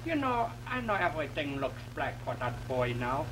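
An actor playing a kindly, pleading clown in an early talkie film, halting and folksy, with ungrammatical, repetitive speech. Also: male voice, a little high, big pitch swings. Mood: earnest pleading. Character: kindly, pleading circus clown, stubborn lone juror. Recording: noisy 1920s film soundtrack with hum.

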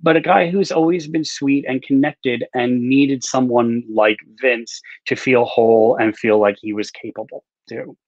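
Unhurried, with fairly even intonation and hardly any pauses, a middle-aged man's mid-range voice comes through dry, slightly dull video-call audio. As an author guest, he answers interview questions in a casual, rambling way with self-deprecating asides, from an indoor room lined with bookshelves.

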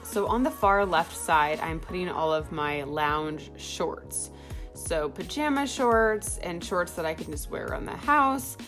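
A woman's voice: fairly low pitch, animated, a little slow, a bit bright, faint music behind. A young woman talking casually as a home vlogger, narrating her cleaning routine in a chatty, friendly way with lots of fillers.

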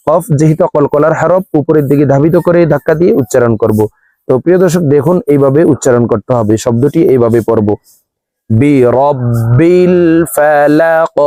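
A man teaching Quran recitation step by step, spelling out letters and vowel marks slowly, then chanting each verse long and drawn out. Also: medium pitch, mellow, no room sound.

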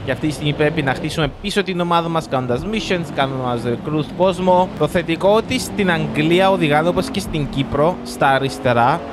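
A young man, chatting through live gameplay commentary and reacting loudly to what happens on screen. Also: fairly high pitch, few pauses, background noise. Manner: chatty, reacts loudly to the game, mixes in English words. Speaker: gaming YouTuber.

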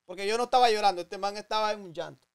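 A man chats as a podcast guest, relaxed and often checking that he is understood. His voice is high for a man and smooth, with a dry, close sound. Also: rapid-fire, dry recording. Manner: relaxed, keeps asking "you know?". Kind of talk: casual podcast conversation.

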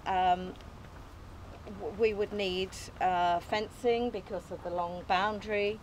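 An older Englishwoman who founded an allotment group gives an opening speech outdoors on an open field, reading from prepared notes. Her mid-range voice is steady and slow, earnest and modest, with small hesitations and light laughs. There's no mic, just a camera some distance away, and slight background noise.

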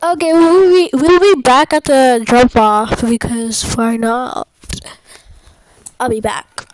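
A woman's voice: high-pitched, steady tone, takes it slowly, no room sound. A woman hosting her gaming channel, giving chatty, rambling commentary over gameplay and restarting her sentences often.

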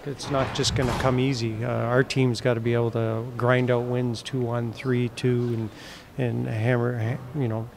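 A hockey head coach in his fifties gives a blunt, plain-spoken postgame press interview full of fillers, in a creaky mid-range voice. He speaks into a handheld mic held near his chin in front of an indoor press backdrop, with noise in the background.

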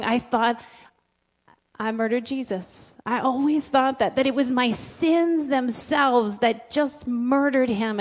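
Middle-aged woman preacher, talks with the congregation, slightly high voice, reverberant sanctuary. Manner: conversational, asks the congregation questions. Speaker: pastor. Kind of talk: sermon. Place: church sanctuary with a stage. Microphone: handheld mic, filmed from the back of the room. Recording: long reverb of a church hall.

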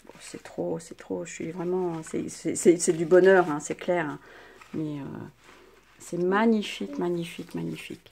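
Older French woman, craft vlog host, low gravelly mellow voice, gushing and chatty, phone mic. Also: steady tone, normal speed. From France. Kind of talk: casual unboxing chat.

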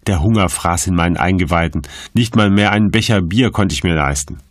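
A man voicing a desperate, defiant male prisoner who shouts and pleads in a raised, strained voice. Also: low-pitched, fairly quick, no echo, clean studio sound, natural voice. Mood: pleading.

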